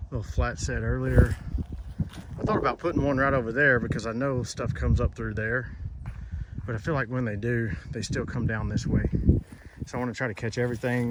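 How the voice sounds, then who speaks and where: Male outdoors vlogger, mid-pitch, plainspoken how-to talk, audible outdoor noise. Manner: plainspoken, repeats advice for emphasis. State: out of breath. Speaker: trapping vlogger. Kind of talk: casual outdoor how-to vlog. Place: outdoors on a farm field.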